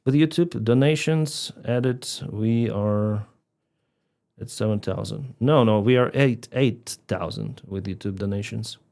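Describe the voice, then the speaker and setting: A man from Crimea, a native Russian speaker with a Ukrainian accent, chats casually on a live stream, reading out donor names and laughing often. His lowish voice is a little mellow, with vocal fry and a measured pace.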